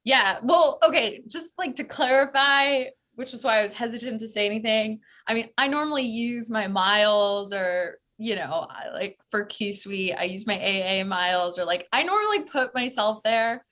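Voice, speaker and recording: American woman, travel-expert guest; casual, filler-heavy chat, bright timbre. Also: on the high side, moderate pace, hardly any pauses. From United States. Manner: chatty, many fillers like "like" and "um".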